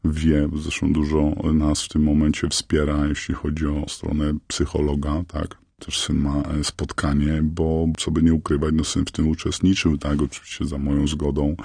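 A man speaks through a disguised, electronically altered voice that sits extremely low, gravelly and husky. His delivery is halting and earnest, as he searches for his words. The sound is close and dry. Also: monotone, dark tone, no echo. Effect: voice electronically altered and lowered to stay anonymous. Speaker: anonymous parent guest. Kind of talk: radio interview.

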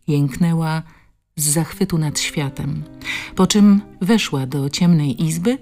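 A woman narrating an audiobook in a measured, expressive reading. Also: low-pitched, vocal fry. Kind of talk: scripted narration.

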